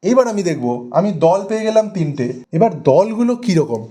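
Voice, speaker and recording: Mellow-voiced man teaching grammar slowly. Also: high voice, very animated. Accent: West Bengal Bengali. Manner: slow, deliberate, repeats and stretches example words. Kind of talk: exam-prep grammar lesson.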